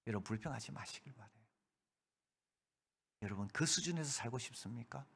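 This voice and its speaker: Animated male pastor preaching a sermon. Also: mid-range voice, brisk, creaky, husky. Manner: animated preaching, acting out quoted voices, drops to a whisper for emphasis.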